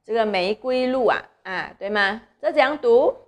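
A young woman teaches small children to read, sounding out syllables slowly. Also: a little high, lively intonation. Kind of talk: children's reading lesson.

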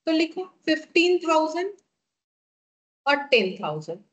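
A woman with an Indian accent teaching a lesson step by step, asking questions and answering them herself as she dictates figures slowly. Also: high voice, big pitch swings.

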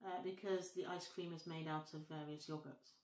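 A woman's voice: deep voice, fairly even intonation, normal speed, darkish tone, reverberant, a little hiss or hum. A woman co-hosting a casual vlog, chatting and reading recipes out aloud. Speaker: vlog co-host. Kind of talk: casual chat.

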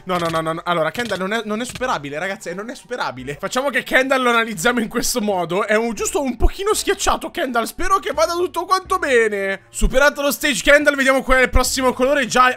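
A man in his thirties giving lively game commentary to his viewers, exclamatory and mock-exasperated. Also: very high voice. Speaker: gaming YouTuber host.

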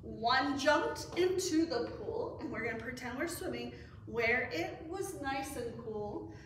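A middle-aged woman working as a children's librarian leads story time with cheerful sing-song counting, reading, and action songs for kids. Her voice is high, expressive, slow, and a bit bright, captured by a camera across the room, so it sounds echoey and distant with faint noise.

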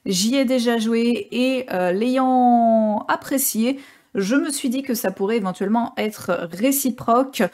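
A woman's voice: fairly high pitch, measured pace, darkish tone. A woman gaming streamer giving casual gameplay commentary, chatty and joking with many hesitations.

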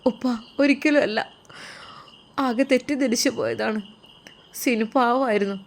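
A woman voicing a loving young daughter-in-law, speaking softly and earnestly in a raised voice. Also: on the high side, measured pace, creaky, a little hiss or hum. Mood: earnest, tearful.

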